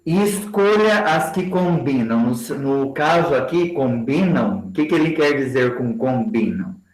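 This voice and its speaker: A man giving a training lecture to teachers and slowly spelling out example words for his class. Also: mid-range voice, expressive, a little mellow. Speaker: education lecturer. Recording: roomy echo.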